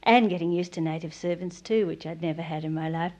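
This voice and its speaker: A woman's voice: lowish voice, fast, a little mellow. A woman telling an amused anecdote about arriving somewhere new, in an interview.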